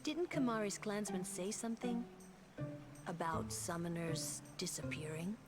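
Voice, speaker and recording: An actress voicing a calm young woman in a video game, speaking softly over game music. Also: mid-range voice, measured pace, lightly acted. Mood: gentle.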